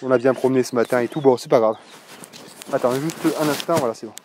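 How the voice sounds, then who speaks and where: A man's voice: medium pitch, quick pace, a little mellow, slight background noise. A man giving a casual, salty walk-and-talk vlog outdoors on rural land, talking loosely with many fillers and some swearing, into a mic with a foam windscreen. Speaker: vlogger showing his land.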